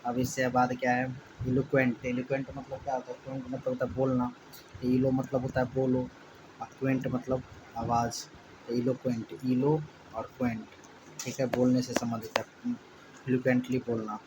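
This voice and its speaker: A man teaching a spelling lesson for exam students, spelling words out letter by letter and repeating each syllable slowly. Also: medium pitch, monotone, background noise.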